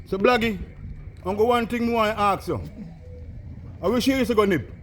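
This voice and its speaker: High-voiced Jamaican man calling out. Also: moderate pace, fairly bright tone, a little hiss or hum. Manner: repetitive patois banter, calling out from a distance. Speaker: vlogger interviewing a local. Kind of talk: casual street chat.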